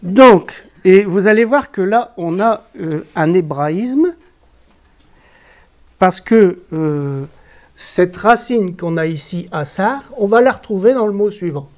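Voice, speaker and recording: Slow-spoken teacher explaining Hebrew. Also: mid-range voice, lively intonation, a little mellow. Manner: patient, explaining step by step with fillers. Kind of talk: classroom Bible Hebrew lesson. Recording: dull lo-fi classroom recording.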